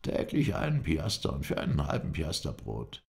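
A man's voice: a bass voice, wildly swooping pitch, moderate pace, gravelly, exaggerated voice. A man voicing a fawning, eager male house watchman who is keen to please.

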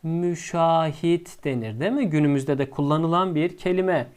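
A male teacher explaining a lesson step by step, asking himself questions and answering them, and drawing out the key words slowly. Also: on the high side, a little mellow, clean tone.

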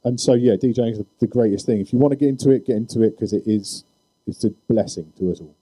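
A man's voice: mid-range voice, fast talker, dark tone, poor audio. A man speaking as a DJ on a live panel, enthusiastic and gushing. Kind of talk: panel discussion.

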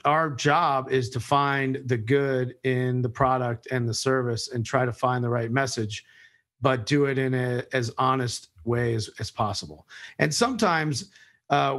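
A middle-aged man, a business executive appearing as an interview guest, explaining at length in a measured way with frequent fillers and restarts. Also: medium pitch, a bit bright. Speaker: guest, agency chief executive. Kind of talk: interview answers.

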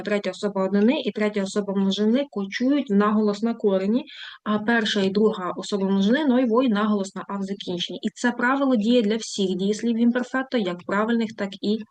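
A woman walks through verb forms in an online language lesson. Her voice sits at a middle pitch and is recorded dry and close, with no room sound. She reads out conjugations one after another and stops to explain with small fillers. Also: fast talker, no room sound. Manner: reads examples and conjugations aloud, switching between Ukrainian and Italian; thinking aloud with fillers while scrolling through material. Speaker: Italian teacher.

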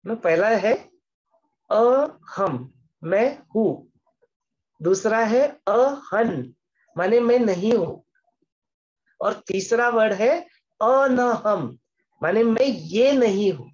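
A man's voice: high-pitched, extremely slow, pauses often, a little mellow, highs cut off. A man giving an explanatory scripture lesson as a spiritual teacher, patiently repeating words and slipping English phrases into his talk.

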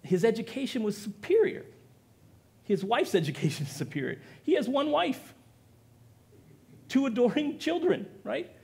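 A middle-aged man speaking as a professor on a panel discussion before an audience, talking in an animated way. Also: extremely high pitch, normal speed, gravelly, long pauses. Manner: animated, gestures while speaking. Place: event hall with audience.

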